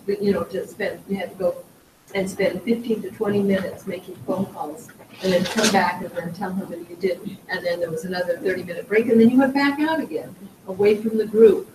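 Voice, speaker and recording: Enthusiastic veteran woman agent, rambling. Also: mid-range voice. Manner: enthusiastic, rambling with many fillers. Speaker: veteran real estate agent. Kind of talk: casual storytelling in a meeting. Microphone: distant room microphone. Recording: echoey room, far from mic, noisy.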